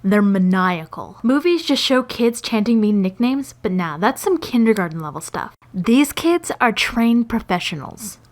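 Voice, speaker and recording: A Canadian woman, a storyteller and animator, narrates scripted comedic stories with wry sarcasm and exaggeration. Her mid-range voice is animated, moving at a normal speed with few pauses.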